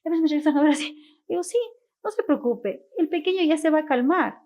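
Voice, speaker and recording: A woman's voice: high-pitched, fast, darkish tone. A woman guest, an author and mother, speaking earnestly and spiritually in an interview, telling stories with quoted speech. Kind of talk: heartfelt interview talk.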